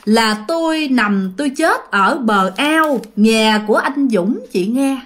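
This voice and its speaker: A pleading, mournful ghost of an old male soldier, put on by a woman storyteller in a storybook ghost tale. The voice sits a little high. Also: lively intonation, slow.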